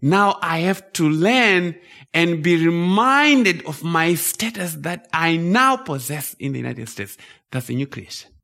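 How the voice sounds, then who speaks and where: A man who grew up in Zimbabwe delivers a sermon at an unhurried pace. His voice sits a little high for a man, and he leans on key phrases and repeats them for emphasis. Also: lively intonation, vocal fry, bright, forceful tone. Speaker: preacher.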